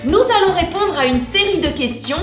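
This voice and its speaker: A woman's voice: extremely high pitch, lively intonation, fairly quick. A woman host giving a playful scripted introduction to her show. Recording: roomy echo, music behind.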